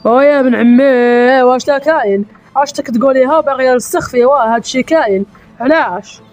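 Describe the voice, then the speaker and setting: A man's voice: extremely high pitch, a little fast, soft background music. A man playing a defiant grown son who firmly lectures his nagging mother in a comedy sketch. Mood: firm lecturing. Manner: firm, lecturing, defensive.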